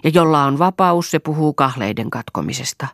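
A patient young wife with a calm, soothing manner and a slightly gravelly voice, as a woman reader brings her out. The audiobook sound is close and dry. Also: sits low, dry recording.

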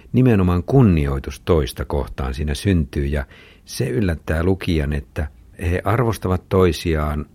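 A man's voice: extremely low pitch, darkish tone, husky. A man hosting a radio book review and giving thoughtful commentary. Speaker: book critic host.

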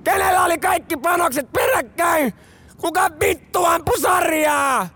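A man voicing a gruff army first lieutenant who barks drawn-out commands at the firing range. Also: sits high, wildly swooping pitch, a bit bright, pitched above the performer's own voice, full character voice. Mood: barking.

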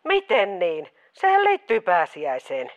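A woman voicing a stubborn, pushy mother who keeps phoning in under put-on voices. Her pitch swings widely, and the sound is dull and muffled like a call. It is a radio comedy sketch. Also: huge pitch swings. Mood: disguised. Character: meddling mother faking several callers' voices. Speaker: caller, the host's mother in disguise.

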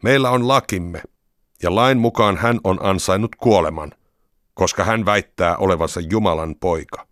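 A man's voice: deep voice, a bit bright, no echo, studio quality. A man voicing an angry crowd in a scripture reading, raised and insistent. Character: angry shouting crowd of men.

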